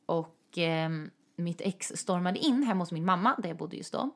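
A young adult woman in casual chat, telling a personal story in an animated way and acting out quoted dialogue. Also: lowish voice.

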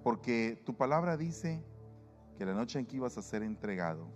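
Lively pastor preaching in a church hall. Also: male voice, mid-range voice, moderate pace, faint music behind. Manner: lively, acts out voices of people he quotes. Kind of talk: sermon and communion prayer.

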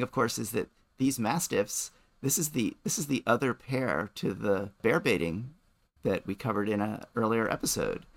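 A man's voice: on the low side, creaky, dry recording. A man co-hosting a podcast, talking things through thoughtfully and often restarting his sentences. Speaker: podcast co-host. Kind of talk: casual chat.

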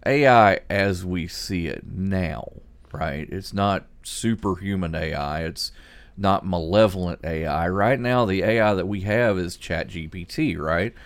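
A man hosting a podcast, discussing news conversationally in a halting way, repeating words as he thinks aloud. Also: low voice. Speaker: podcast host.

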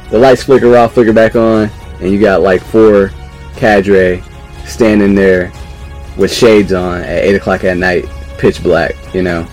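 A man from New York, a podcast guest, telling a story in a casual, animated way, laughing as he goes. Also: sits low. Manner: animated, acts out quoted voices, laughs mid-story.

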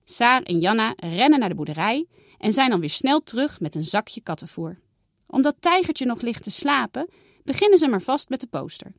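A woman reads a children's story aloud with expressive, lively storytelling. Her voice sits fairly high and swings widely in pitch. The recording is close and dry, with no room sound. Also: moderate pace, dry recording.

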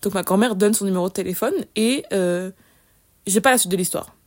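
A young woman hosting a podcast, telling casual stories in a chatty, lively, slangy way with many fillers. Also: mid-range voice, a little fast. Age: young adult. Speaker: podcast host. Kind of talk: casual solo storytelling.

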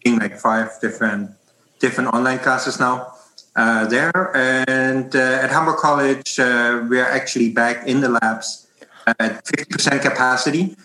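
A man's voice: medium pitch, steady tone, normal speed, sharp tone, echoey room, low-quality recording. A man in his forties from Germany with a German accent, talking casually in an interview about his life as a baking teacher, rambling with many restarts. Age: 40s. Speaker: bread baking instructor.

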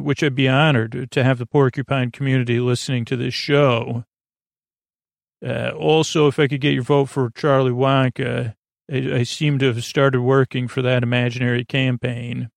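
A podcast host delivers a meandering, halting bedtime monologue, often interrupting himself, in a gently soothing and apologetic manner. His mid-range voice is gravelly. The recording is studio quality with no room sound.

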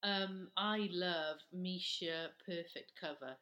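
A woman in her thirties co-hosting a casual chat, relaxed, often repeating words as she thinks. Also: fairly low pitch, takes it slowly, muffled recording. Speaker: podcast co-host. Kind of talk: casual chat about skincare.

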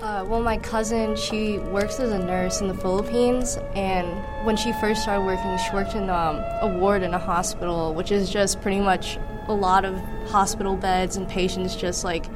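A woman's voice: medium pitch, fairly even intonation, normal speed, few pauses. A young adult woman, a student, casually telling a story in an informal way, often saying "like". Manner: informal, peppered with "like". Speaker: student sharing a family story. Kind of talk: casual anecdote. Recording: prominent music under the voice. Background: loud music.

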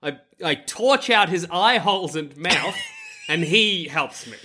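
Giggly Australian man, high and lively. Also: slow, crowd noise. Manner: giggly, puts on beeping droid noises. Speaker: podcast co-host. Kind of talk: comedic improvised chat.

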